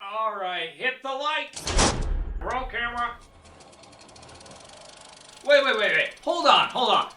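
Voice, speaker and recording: A woman's voice: fairly high pitch, animated, takes it slowly, long pauses. A woman playing a frantic film director calling out orders in a podcast intro skit, recorded at a distance in a noisy room. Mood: frantic, flustered. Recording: distant roomy clip, faint noise, clatter.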